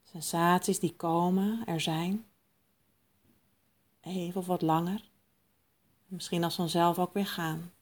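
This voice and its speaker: Female meditation guide: soft, soothing, lowish voice, very unhurried, calm, generous pauses.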